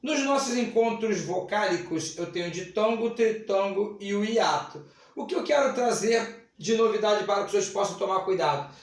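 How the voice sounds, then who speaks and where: A man's voice: sits high, lively intonation, normal speed. A Brazilian man teaching Portuguese grammar at a whiteboard, stretching key words and checking in with the class. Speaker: Portuguese teacher for civil service exams. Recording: very echoey room.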